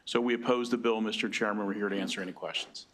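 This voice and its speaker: Man giving measured, formal testimony. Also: lowish voice, steady tone, background noise. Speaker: trade association lobbyist testifying. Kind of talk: formal testimony at a legislative hearing.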